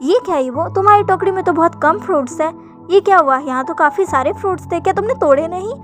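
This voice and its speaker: A woman's voice: very high voice, fast talker, faint music behind. A woman voicing a teasing young man who gloats at his friend, in a fan story. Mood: questioning.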